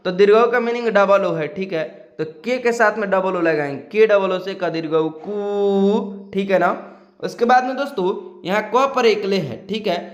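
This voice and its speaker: A man with a North Indian Hindi accent teaches in a patient, repetitive way, often checking that his students follow. His voice sits high, and he draws out each syllable slowly to model how it sounds. The recording has a noticeably echoey room. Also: lo-fi sound. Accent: Hindi-speaking North Indian. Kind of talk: classroom lesson.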